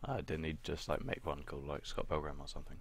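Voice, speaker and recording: A man's voice: a bass voice, little pitch movement, quick pace. A young man co-hosting a casual podcast chat, blunt and swearing freely with dry jokes. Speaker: podcast co-host.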